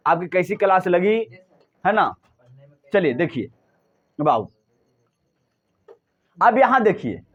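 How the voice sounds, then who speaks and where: A man's voice: high-pitched, narrow, tinny audio. A male teacher giving a classroom lesson, drilling his students with repeated questions and answering them himself.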